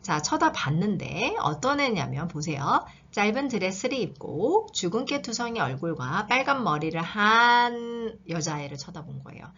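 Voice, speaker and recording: 생동감 있게 설명하는 여자 영어 선생님. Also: female voice, mid-range voice, normal speed, hardly any pauses, slightly rough, muffled recording. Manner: lively, asks questions, then answers them herself. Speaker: English teacher. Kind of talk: English reading lesson.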